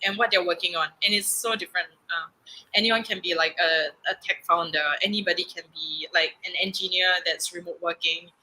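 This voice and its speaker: A woman's voice: lowish voice, steady tone, fairly quick, pushed and bright, slightly rough, low-quality recording. A young woman from Singapore, a podcast guest, talking in a chatty way with lots of fillers and restarts and frequent laughs. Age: young adult. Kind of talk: casual interview.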